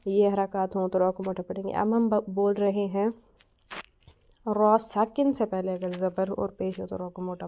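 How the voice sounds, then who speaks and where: A woman teaching a Quran recitation lesson. She explains each rule patiently and says every example word slowly and clearly. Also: mid-range voice, highs cut off. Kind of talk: tajweed lesson.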